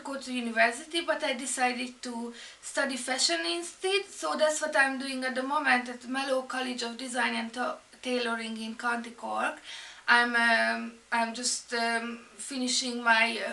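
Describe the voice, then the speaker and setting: A woman's voice: fairly high pitch, creaky, sharp tone, echoey room, recorded from a distance. A woman from Hungary, speaking English with a Hungarian accent, introducing herself as an art and fashion student, with many ums and restarts. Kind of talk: personal introduction video.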